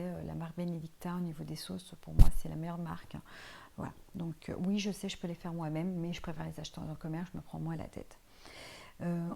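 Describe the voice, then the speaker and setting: In a tiled room at home, a vlogger of Portuguese heritage who lives in France chats informally with her viewers while reviewing products she has used up. Her voice sits on the low side, warm with vocal fry, and she fills her talk with lots of hesitant fillers.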